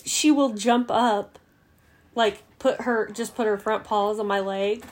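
A woman's voice: mid-range voice, fairly even intonation, slow, a little mellow. A woman co-hosting a casual comedy podcast, chatty and laughing as she tells stories about her pets. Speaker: podcast co-host.

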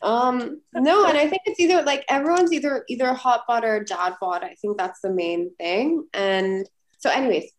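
A woman's voice: on the high side, normal speed. A woman co-hosting a casual chat, telling a long anecdote with lots of "like" fillers. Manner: rambling, animated, frequent "like" fillers. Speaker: podcast co-host.

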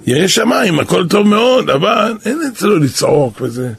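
A rabbi gives a storytelling sermon in a gravelly, deeply husky man's voice. He sits a little high and swings widely in pitch, and at times he bursts into loud shouts to drive a point home. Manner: animated storyteller who bursts into shouts for emphasis. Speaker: rabbi and kabbalist teacher.

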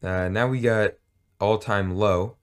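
Brief: male podcast co-host, low voice, loose rambling chat, halting delivery. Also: steady tone. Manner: rambling, hesitant, jokey. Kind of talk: casual chat.

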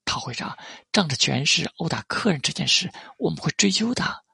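A man's voice: fairly high pitch, expressive, moderate pace, gravelly, sharp tone, husky, no echo, studio quality, voice pushed up, heavily acted. A man raising his voice into a defiant young woman singer. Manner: tense, speaking through clenched teeth.

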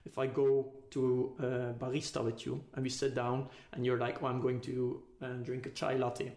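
A man's voice: mid-range voice, monotone, normal speed, a little mellow. Echoey man thinking aloud in conversation. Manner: tentative, philosophical, searching for words. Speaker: podcast guest. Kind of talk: casual reflective conversation. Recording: echoey, roomy sound.

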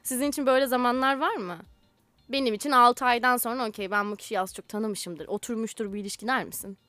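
A woman's voice: a little high, fairly even intonation, fast, fairly bright tone, no room sound. A woman hosting a casual radio chat, teasing the others and laughing easily. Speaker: radio show host. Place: radio broadcast, dry close sound.

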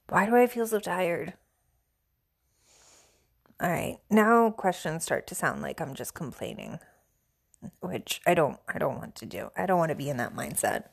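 A woman from the central United States hosting a casual solo podcast, sounding stuffy and a little hoarse, rambling and self-deprecating. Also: fairly low pitch, lively intonation, a little slow, long pauses. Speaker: podcast host.

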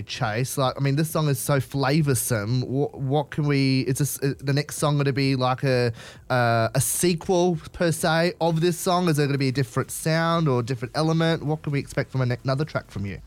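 A man's voice: mid-range voice, moderate pace. A man with an Australian accent hosting a casual radio interview in an upbeat, effusive manner. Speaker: radio host.

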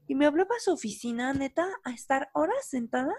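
A young woman with a Mexican accent, co-hosting a podcast and telling a story in slangy, animated casual chat. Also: high-pitched, fast talker, no room sound. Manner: slangy, animated, full of fillers. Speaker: podcast co-host.

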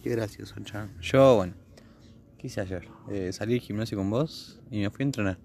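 A man's voice: lowish voice, normal speed, gravelly, darkish tone. A young man chatting casually and slangily with a friend outdoors by a fire. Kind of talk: casual chat.

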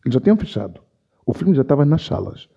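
A man's voice: mid-range voice, very animated, fast, creaky, mellow, breathy edge. A man giving impassioned commentary in an interview, speaking emphatically and repeating key phrases for stress. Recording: dull lo-fi recording.

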